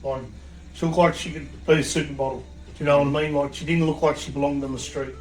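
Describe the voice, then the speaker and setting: A man with a high voice tells an animated story, bluntly and with plenty of swearing. He acts out the voices of the people in it. The sound is echoey, as if from a bare room. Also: fast talker. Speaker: podcast guest, coach.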